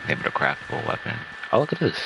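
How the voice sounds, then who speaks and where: A fast-talking man streams his gameplay, rambling casually and muttering to himself. Video game music plays behind his voice, and there's background noise.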